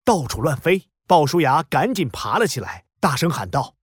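A man narrating a children's story in an expressive, explanatory way. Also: a little high, normal speed, slightly rough, no echo, clean studio sound.

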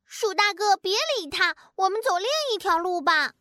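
A woman voicing small, excitable mouse siblings in a children's storybook, eager and childlike. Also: very high voice, moderate pace, no room sound, studio quality, pitched above the performer's own voice, full character voice. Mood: anxious.

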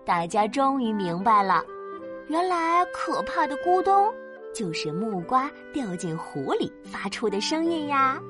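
A woman telling a children's story as a mother, playful and animated, with sound words. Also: high voice, a little slow. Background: children's background music.

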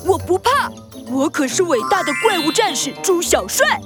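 A woman voicing a plucky, excitable little boy pig hero in a children's audio story, with an eager, childlike delivery. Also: extremely high pitch, moderate pace, music in the background. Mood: earnest, brave.

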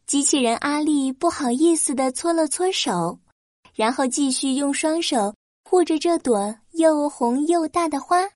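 A woman's voice: high-pitched, a little slow, a little mellow, dry recording, clean studio sound. A woman reading a scripted children's story as its narrator.

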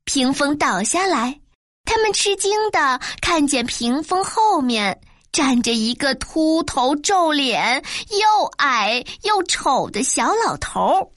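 A woman narrating a children's storybook with a clear, expressive reading. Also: high-pitched, no echo, clean studio sound.

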